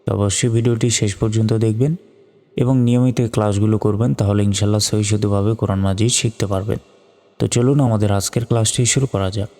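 A man's voice: fairly low pitch, flat delivery, fast, mellow, in a large hall, soft background music. A man with a Bangladeshi accent teaching Quran reading, patiently spelling out each letter and vowel mark. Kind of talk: spelled-out recitation lesson.

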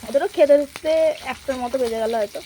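A young woman casually vlogs from her home kitchen, chatting her viewers through each cooking step on a handheld phone. She talks fast in a high-pitched voice, and the background is noisy.

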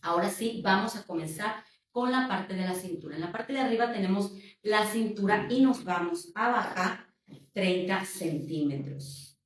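A woman's voice: mid-range voice, normal speed. A woman teaching a step-by-step sewing tutorial, patient and instructive as she counts out measurements. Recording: echoey room, voice a bit far from the mic, faint noise.

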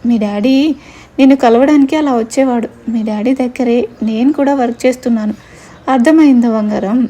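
A playful, affectionate younger brother, put on by a woman narrator, teasing with mock annoyance in a storybook reading. The tone stays mellow and dark, lifted slightly in pitch. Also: moderate pace, natural voice. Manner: lively, playfully fake-annoyed.

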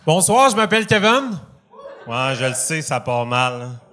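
A man's voice: a little high, very animated, measured pace, pushed and bright, slight background noise. A young man with a Quebec French accent doing a self-deprecating stand-up routine on a comedy club stage, laughing at his own jokes.

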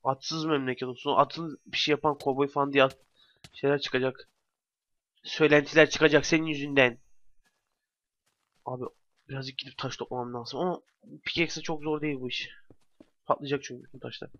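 A man's voice: medium pitch, fairly even intonation, a little fast, pauses often, a bit bright. A young man giving casual let's play commentary, talking to himself with bursts of exasperation. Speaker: gamer commentator. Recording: dry, dull lo-fi home mic.

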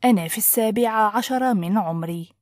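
A woman teaching pronunciation, saying phrases clearly and then breaking them word by word. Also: medium pitch, a little mellow, no echo, clean studio sound. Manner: clear, deliberate, splits phrases into single words. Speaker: language teacher. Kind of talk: slow word-by-word pronunciation drill.

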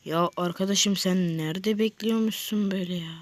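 A woman giving casual let's play commentary on a mobile game, chatting with viewers and scolding the game in slangy outbursts between quiet mutters. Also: mid-range voice, moderate pace. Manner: chats with viewers, drifts into mutters and whispers. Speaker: gaming video creator.

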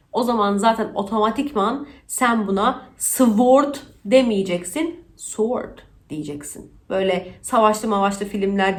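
A woman in her thirties from Turkey giving a casual, playful English pronunciation lesson, chatty and teasing with quick asides. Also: mid-range voice. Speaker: English teacher.

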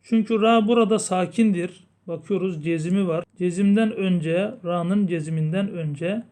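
A man teaching Quran recitation rules, explaining slowly and chanting the verses long and drawn out. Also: high voice, mellow. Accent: Turkish. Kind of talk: tajweed lesson with chanted recitation.

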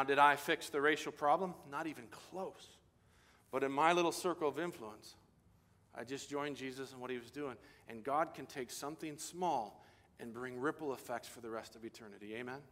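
A man's voice: mid-range voice, a bit bright. A man preaching as a pastor, telling a personal story in an earnest, confessional way and voicing his own thoughts. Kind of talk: sermon storytelling. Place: church sanctuary. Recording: long hall reverb.

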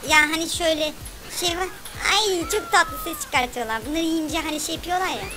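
A woman commentating a game for kids in a playful, whiny, complaining and excitable way. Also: very high voice, fairly quick, over music. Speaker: gameplay commentator.

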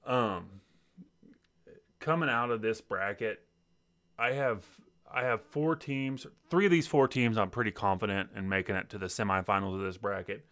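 A man with a low, bright and clean voice, chatting casually about sports picks as a podcast co-host. He talks in a laid-back way, with plenty of fillers. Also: moderate pace. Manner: laid-back, laughs easily, hesitant fillers.

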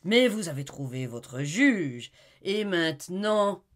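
A tyrannical husband, icily courteous one moment and shouting in fury the next, as a woman reader puts him on. The voice is husky and slow, with big leaps in pitch. It is read aloud for an audiobook. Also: animated. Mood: raging. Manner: mock-polite turning to shouted rage. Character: despotic, furious middle-aged husband. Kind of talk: audiobook reading.

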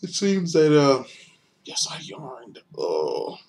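A man's voice: fairly high pitch, huge pitch swings, takes it slowly, darkish tone, breathy edge. A young man giving a casual, rambling beer review on video, hesitant and full of fillers.

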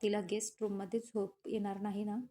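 A woman voicing a gentle young wife. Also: mid-range voice, little pitch movement, a little fast, close to an everyday voice.

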